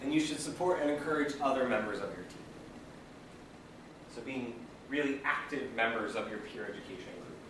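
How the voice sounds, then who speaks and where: A man's voice: medium pitch, a little fast. A man leading a peer education training session in a training room, speaking energetically and asking the group questions. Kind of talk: classroom training lecture. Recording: echoey room, mic far off, background noise.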